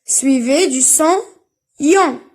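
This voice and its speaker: A woman with a high voice leads an early reading lesson. She talks very slowly and lingers on each syllable. Her enunciation is careful and deliberate, and she repeats each sound for young learners. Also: darkish tone. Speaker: teacher.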